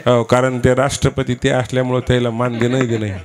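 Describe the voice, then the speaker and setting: A man's voice: mid-range voice, flat delivery, fairly quick. A man with a Marathwada accent preaching a devotional kirtan sermon, questioning and teasing the listeners as he prods the women to answer aloud. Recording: live event with instrument music behind. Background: musical instruments.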